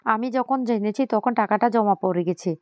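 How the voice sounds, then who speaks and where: A woman's voice: medium pitch, brisk, clean tone, no echo, close to an everyday voice. A worried young wife who frets and pleads, as a woman narrator voices her. She sounds plain and close, with a dry sound.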